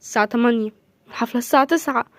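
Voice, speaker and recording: A woman's voice: fairly high pitch, very fast, fairly bright tone, no room sound, voice pushed down. A woman voicing a mistreated young man who works as a household drudge, speaking in Egyptian Arabic with pleading, self-pitying muttering.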